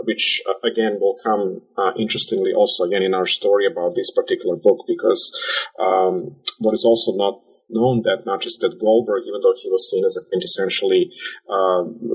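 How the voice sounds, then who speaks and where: A man's voice: low voice, husky, poor audio. A man from Serbia, an architect and author, answering interview questions in a hesitant way with many filler sounds. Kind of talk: conversational interview.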